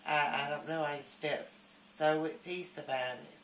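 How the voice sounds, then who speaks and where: An older man talking reflectively and casually, halting and repeating his words. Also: fairly high pitch, steady tone, fairly bright tone. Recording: echoey room, faint background noise.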